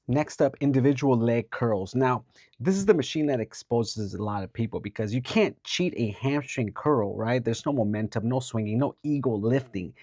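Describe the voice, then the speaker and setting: A man's voice: mid-range voice, a little mellow. Upbeat, self-mocking man in his forties. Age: 40s. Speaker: fitness vlogger. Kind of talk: casual vlog talk to camera. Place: gym.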